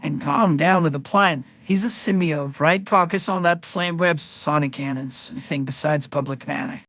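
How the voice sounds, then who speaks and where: A man's voice: a little high, normal speed, a bit bright, no room sound. A man playing a young, earnest, wisecracking superhero in a comic dub, quippy and urgent. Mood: urgent, strained. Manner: quippy, urgent, self-narrating.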